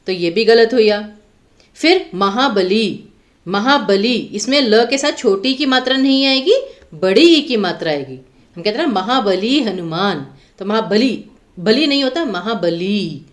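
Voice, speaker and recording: A woman teacher explaining exam questions step by step, repeating words to stress their spelling. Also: a little high. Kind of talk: exam prep lecture.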